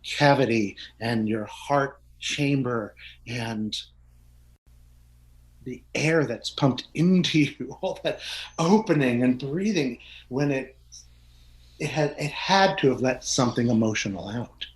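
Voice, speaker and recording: A middle-aged man speaks slowly in a mid-range voice as an interview guest, captured on a low-quality recording. He talks openly and earnestly in a reflective conversational interview, often laughing and restarting his words.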